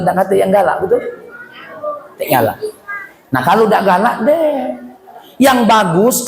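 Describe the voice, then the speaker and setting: A male preacher giving a lively sermon to a congregation, with a South Sumatran Malay accent, animated and acting out voices. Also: high voice. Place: hall with audience. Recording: echoey hall.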